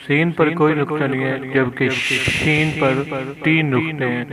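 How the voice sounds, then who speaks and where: Man teaching letter sounds slowly. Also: mid-range voice. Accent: Pakistani Urdu. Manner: drawn-out, emphatic letter sounds between plain explanations. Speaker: Quran reading teacher. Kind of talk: step-by-step recitation lesson. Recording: dull lo-fi recording.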